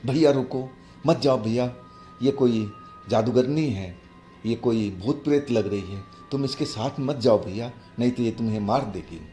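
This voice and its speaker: A man's voice: medium pitch, normal speed, warm tone, faint music behind, close to an everyday voice. A man voicing a frightened younger brother who pleads urgently in a raised voice. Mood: pleading.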